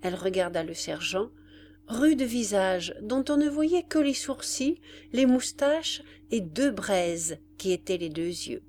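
A woman reading a classic novel aloud as a measured scripted narration. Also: medium pitch, very animated, darkish tone, slight background noise. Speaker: audiobook reader.

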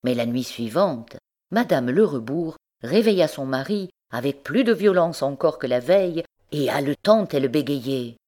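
A woman narrating a literary story in a measured, expressive way. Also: low-pitched. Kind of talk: audiobook narration.

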